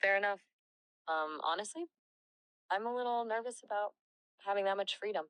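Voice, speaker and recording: A woman's voice: medium pitch, moderate pace, clean tone, dry recording, rough recording. A woman's synthetic voice as an AI assistant, answering interview questions in a reflective, candid way. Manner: reflective, candid, soft-spoken. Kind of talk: conversational answers.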